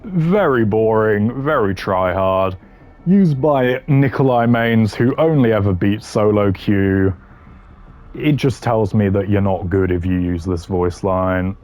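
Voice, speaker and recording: In a fairly low, slightly mellow voice and at a slow pace, a man offers casual, opinionated gaming commentary. He's a content creator ranking voice lines, blunt and dismissive, with dry humour.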